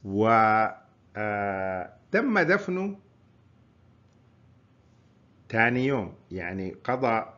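A man's voice: fairly low pitch, big pitch swings, takes it slowly, fairly bright tone. Sudanese man giving a lo-fi lecture. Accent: Sudanese Arabic. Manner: conversational, explains and repeats points. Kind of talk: informal history lecture.

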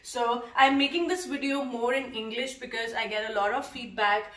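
A young Punjabi-speaking woman, a vlogger, chats casually as she walks through an empty house with bare rooms, dropping frequent "uh" fillers. Her voice is fairly high, fairly bright, and at a normal speed. A handheld camera at a distance picks her up off mic, and the empty rooms echo.

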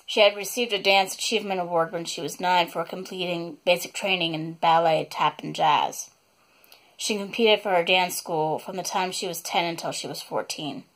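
A woman's voice: on the low side, normal speed, a bit bright. A woman reading a chapter of her own novel aloud, unedited, stopping now and then to apologize for slips and add asides.

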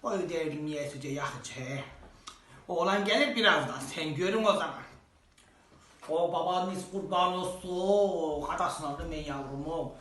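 A performer playing a grumbling old village mother-in-law in a comic sketch, low and drawling. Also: a little slow, fairly bright tone, far from the mic, natural voice. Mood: doting. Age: older. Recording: roomy echo.

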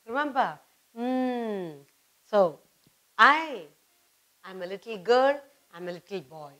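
A middle-aged woman with an Indian accent teaches young children at a whiteboard in an indoor studio, using simple, repeated phrases and questions delivered emphatically. Her voice sits on the high side, fairly bright, with lively intonation and a slow pace.

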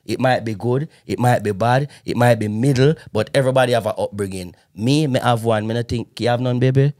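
A man with a Jamaican accent hosting a casual podcast, talking in a lively, playful way and dropping patois phrases. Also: mid-range voice, a little fast, slight background noise. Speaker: podcast host.

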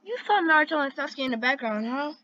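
Woman doing casual reaction commentary, kinda high voice, muffled mic with some noise. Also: lively intonation, quick pace, bright, forceful tone. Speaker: host of a reaction video. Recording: dull lo-fi audio with background noise.

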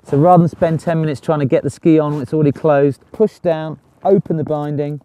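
A middle-aged man works as an instructor, presenting outdoors to camera. His voice sits a little high for a man, with a soft, relaxed tone. He explains each step in short, plain-spoken phrases. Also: fairly quick, a little hiss or hum. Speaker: ski instructor. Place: outdoors on a snowy mountain slope.

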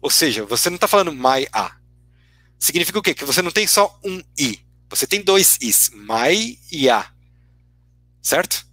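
A man's voice: fairly high pitch, expressive, brisk, sharp tone, no echo. Dry-voiced Brazilian man explaining at length. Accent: Brazilian Portuguese. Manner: constant "né" tag questions, teacherly. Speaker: guest lecturer. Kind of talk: explanatory academic talk.

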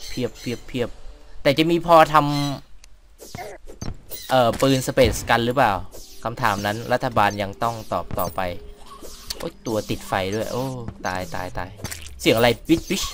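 A young man narrates his gameplay in a quick, excitable way, cursing and talking to himself. His voice sits at a middling pitch but jumps about animatedly. Faint game music plays behind him. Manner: excitable, swearing, talks to himself and the viewers. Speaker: gaming YouTuber. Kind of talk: let's play commentary.

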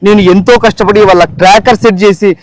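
A man with a very high voice speaks in a comedy sketch, indignant and rapid. The recording is dry and close. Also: steady tone, no room sound.

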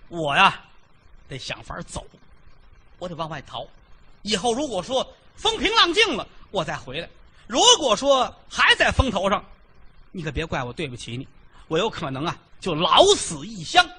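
A frightened young man on the run, as a male storyteller plays him, pleading earnestly with his family. His voice is bright and swings up and down with feeling. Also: sits high, sing-song, moderate pace, slightly rough, exaggerated voice. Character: boastful, then frightened young male fugitive.

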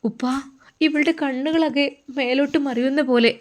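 A woman playing a worried young daughter with a Malappuram Malayalam accent, urging and coaxing in a quick, pressing way. Her voice is high and bright. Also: fairly even intonation, natural voice. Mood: urgent. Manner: urgent, coaxing.

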